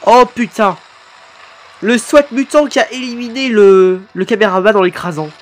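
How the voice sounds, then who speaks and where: A man commenting live on videos his subscribers made, excitable and quick to exclaim and swear. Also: sits high. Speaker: YouTuber reacting to fan animations.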